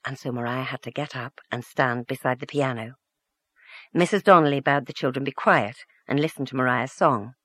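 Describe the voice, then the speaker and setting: An audiobook reader giving a measured, gentle narration of a literary short story. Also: mid-range voice, dry recording, studio quality.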